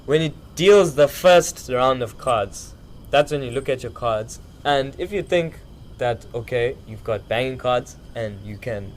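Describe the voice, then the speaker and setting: A man talks in a loose, rambling, slangy way, like a musician being interviewed. His pitch is middling. A light layer of ambient noise sits behind the voice. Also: expressive, measured pace, hardly any pauses. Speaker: musician, podcast guest. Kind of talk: casual interview chat.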